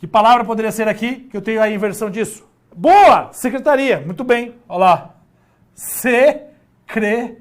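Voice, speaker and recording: A male teacher giving a grammar lesson, stretching key words and asking himself questions as he goes. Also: sits high. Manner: animated, drawn-out emphasis on key words, talks to himself.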